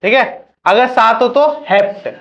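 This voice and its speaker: A man's voice: extremely high pitch, moderate pace, a bit bright. A man teaching a chemistry class, asking questions and repeating the answers for students to drill. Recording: muffled lo-fi classroom recording.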